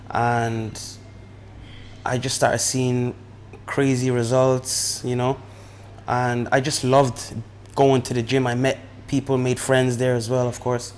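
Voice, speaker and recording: A man, a personal trainer, telling his story in a relaxed way in a documentary interview. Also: medium pitch, a little hiss or hum. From Ireland. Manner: relaxed storytelling, repeats himself.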